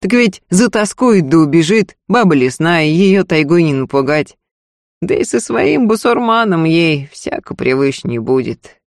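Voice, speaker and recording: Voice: medium pitch, expressive, unhurried, no room sound, studio quality. A reader voicing a blunt, stubborn young hunter in an audiobook. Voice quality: terse, unsmiling. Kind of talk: audiobook character voice.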